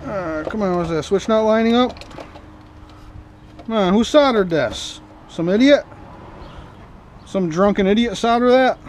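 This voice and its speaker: This repair-and-scrapping video host narrates his workbench job at a measured pace with long pauses, his high-pitched voice expressive and a little mellow. There's a little hiss or hum, and his speech is folksy and informal, full of muttered remarks to himself.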